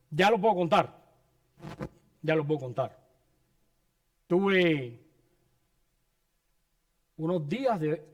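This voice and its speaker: A man with a notably high voice preaches in a church. He speaks earnestly and personally, telling his own story and calling his listeners brothers. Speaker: pastor. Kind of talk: sermon.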